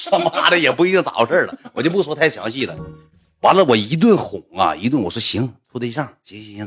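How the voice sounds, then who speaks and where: Husky, lively Northeastern Mandarin man. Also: medium pitch. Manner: slangy, animated, swears freely. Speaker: livestream storyteller. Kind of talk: casual anecdote telling.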